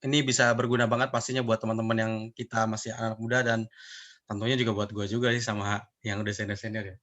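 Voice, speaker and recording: A man's voice: on the low side, little pitch movement, fast, fairly bright tone. A man hosting an interview who asks rambling, hesitant questions and mixes in English words. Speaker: host. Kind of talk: casual interview.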